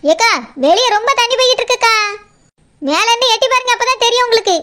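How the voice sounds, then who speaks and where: A woman's voice: very high-pitched, pushed and bright. A woman doing a fretful young village wife. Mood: worried. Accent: Tirunelveli Tamil. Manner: anxious, fast, fretful. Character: worried young village wife, anxious about husband.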